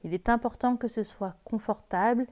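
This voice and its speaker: A woman's voice: fairly high pitch, moderate pace, mellow. A woman working as a sophrology guide, giving informal spoken instructions straight to the listener.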